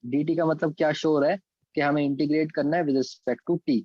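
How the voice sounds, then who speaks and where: A man's voice: a little high, steady tone, moderate pace, no room sound, highs cut off. A man with an Indian accent teaching calculus step by step in an online class. He mixes English terms into his Hindi explanations and checks in with students by name. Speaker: physics and maths teacher.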